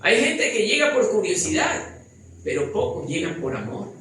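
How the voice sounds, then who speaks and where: A man's voice: high voice, sing-song, moderate pace. A man preaching as pastor to his congregation, asking rhetorical questions and calling them brother. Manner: bursts into loud acted cries. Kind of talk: sermon. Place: church hall with congregation. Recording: very echoey church hall, faint ambient noise.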